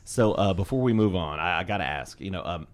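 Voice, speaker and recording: A man hosting an interview, upbeat and encouraging, chiming in with quick remarks. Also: deep voice, lively intonation. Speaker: host. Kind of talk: interview conversation.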